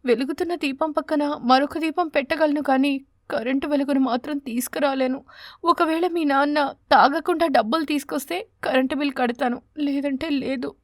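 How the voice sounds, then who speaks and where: A woman voicing a weary, poor and gentle mother sparrow with a soft, tired voice. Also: high voice, moderate pace, dry recording, clean studio sound, natural voice.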